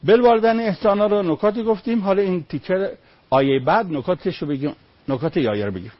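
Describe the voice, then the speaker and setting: A man's voice: high voice, dry recording, muffled recording. A man preaching on Quran verses, emphatic, with rhetorical questions and short stories.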